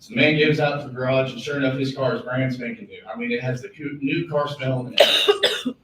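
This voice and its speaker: A young man spins a long shaggy-dog joke for a meeting and leans on dramatic pauses and repeated lines. He is picked up from far off in a very echoey room. A faint hum of room noise sits under him. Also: medium pitch, fairly even intonation, sharp tone. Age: young adult. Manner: storytelling with dramatic pauses, acted quotes, repetitions. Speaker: student senator telling a joke.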